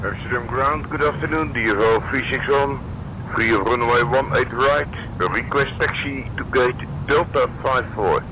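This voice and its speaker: Tinny cockpit headset radio voice of a man. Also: mid-range voice. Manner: brisk and procedural, signs off with a quick goodbye. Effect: pilot cockpit headset radio transmission. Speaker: airline pilot on the radio. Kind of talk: clipped radio readbacks. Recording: tinny radio link with noise.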